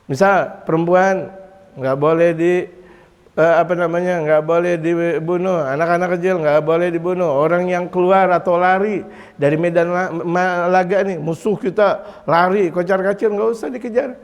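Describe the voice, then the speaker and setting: A man preaching a sermon to a congregation, animated, moving between soft explanation and loud exclamations. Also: high voice, normal speed. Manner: lively, swings from quiet to loud, chuckles often. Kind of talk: Islamic sermon in Indonesian. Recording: long hall reverb.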